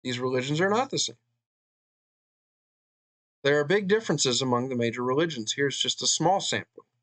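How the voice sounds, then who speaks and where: A man reading a book chapter aloud and adding his own commentary, earnest, with fillers and pauses between passages. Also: mid-range voice, expressive, a bit bright. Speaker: channel host reading a book.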